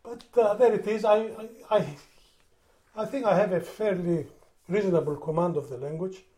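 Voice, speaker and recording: Speaking at a moderate pace in a high, warm voice, an older man from Greece looks back on his working life for an oral history interview. English is his second language, he has a Greek accent, and he frequently repeats words as he hunts for the right one.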